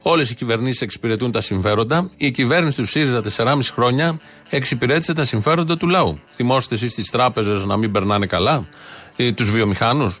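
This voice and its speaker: A man's voice: mid-range voice, fairly bright tone. A man hosting a commentary show, mocking and ironic as he remarks on news clips. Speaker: radio show host.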